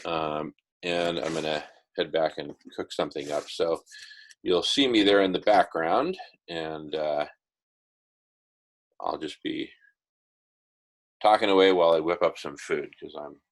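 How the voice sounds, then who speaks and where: A man's voice: rumbling low, a little slow, long pauses, low-quality recording. A man hosting an online group discussion, talking casually and at length in an enthusiastic, idealistic way with emphatic repetition, heard through earbuds on a call. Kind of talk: casual, rambling visionary talk. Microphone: earbuds on an online video call.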